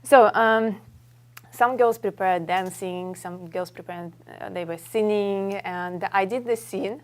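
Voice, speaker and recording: A woman's voice: medium pitch, slow. A young woman from Russia with a Russian accent, chatting as a talk show guest, friendly and searching for words. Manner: friendly, hesitant with fillers, laughs easily. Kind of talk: casual interview chat.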